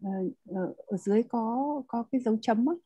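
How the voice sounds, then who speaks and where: A woman with a warm, mellow voice speaks as a student. She asks her teacher questions politely, hesitating and restarting as she goes. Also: a little high, a little fast, breathy edge.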